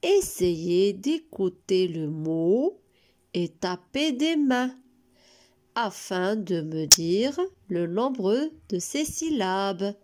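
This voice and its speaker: A woman teacher giving a recorded lesson to young children, spelling out letters and syllables slowly and praising often. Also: mid-range voice, very animated, darkish tone. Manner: slow and carefully spelled out, encouraging. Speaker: preschool teacher.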